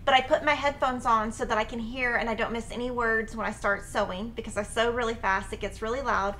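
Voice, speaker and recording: A woman's voice: on the high side, fairly even intonation, brisk, sharp tone, a little hiss or hum. A woman in her forties hosting, chatting in an upbeat, talkative way in a studio. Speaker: host. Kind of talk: casual chat. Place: studio with Christmas tree.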